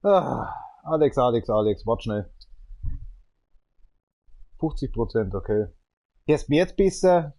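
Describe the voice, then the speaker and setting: A man, a gaming livestreamer chatting loudly and teasingly on a phone call over his stream. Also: medium pitch, lively intonation, unhurried, pauses often. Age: 30s. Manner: loud, joking and teasing. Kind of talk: casual phone chat during a livestream. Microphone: earbuds in, calling over the stream mic.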